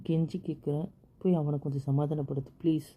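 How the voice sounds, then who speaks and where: A woman doing a calm, pleading older brother. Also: lowish voice, fairly quick, lightly acted. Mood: coaxing. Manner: soothing, pleading, keeps repeating calm down. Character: protective older brother, calm peacemaker, male. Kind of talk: amateur audio drama.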